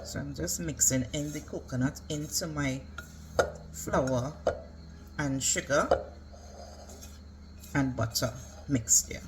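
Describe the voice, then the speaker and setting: Over a noisy background, a woman walks through a recipe step by step as a home cook, in a casual, instructional way. She speaks slowly in a low-pitched voice, leaving long pauses.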